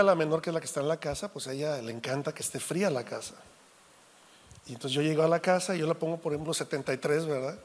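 A man delivers a sermon as pastor, his voice sitting fairly high. He jokes and acts out little quotes in an animated way. The sound carries a long reverb, like a large church hall. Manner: jokey, animated preaching with acted-out quotes.

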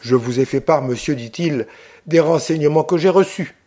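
A man's voice: on the high side, normal speed, dark tone, lightly acted. A man reading the part of an impatient, condescending male government official. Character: haughty mocking male prefect, impatient official.

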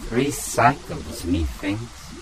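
A pompous schemer who gloats in old-fashioned phrasing, voiced by a man. He speaks slowly and swoops wildly in pitch. A crowd murmurs behind him. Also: very animated, heavily acted, low-quality recording. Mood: scheming. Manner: theatrical mock-archaic bombast. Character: pompous villainous male schemer Balthazar. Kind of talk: audio drama acting.

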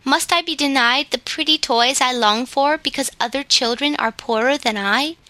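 A pleading little girl from a storybook, earnest and eager, voiced by a woman reader. The voice sits high and sounds bright. The recording is close and dry. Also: moderate pace, dry recording.

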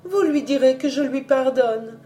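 A woman's voice: a little slow, mellow, faint music behind. A delirious dying young woman. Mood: faint, broken. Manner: high crying cries, then faint gasping.

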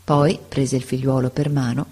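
Low, husky woman reading a storybook. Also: flat delivery, normal speed, a little mellow. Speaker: audiobook narrator. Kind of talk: scripted storybook narration.

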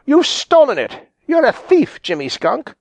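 A man reading aloud, voicing Granny Fox, a fierce old female fox, in a shrill angry snarl. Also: wildly swooping pitch, a little slow, creaky, dry recording, full character voice. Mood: furious.

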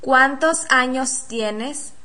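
Woman teacher, bright and slightly high voice, very slow careful drill delivery. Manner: careful, deliberate, model-sentence delivery. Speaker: language teacher. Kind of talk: slow, clearly articulated pronunciation drill.

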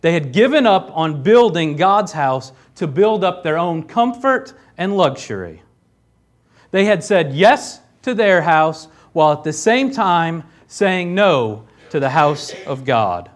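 A man's voice: fairly high pitch, big pitch swings, slow. A man preaching a sermon, reading scripture aloud and pressing his points with rising emphasis and casual asides. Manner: emphatic preaching, rising loud on key phrases. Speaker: pastor.

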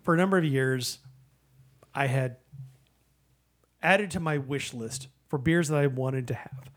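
A man who co-hosts a podcast, giving a casual, rambling and halting review in a conversational style. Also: medium pitch. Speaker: podcast co-host, beer reviewer. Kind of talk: casual beer review chat.

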